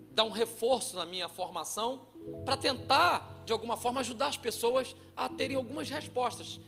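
A man giving a motivational talk to an audience, an expressive storyteller. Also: high-pitched. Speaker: motivational speaker.

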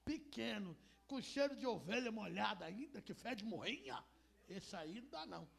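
A woman preacher with a deep gravelly voice voicing King Saul, a doubtful older king, in a sermon retelling. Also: lively intonation, moderate pace, heavily acted.

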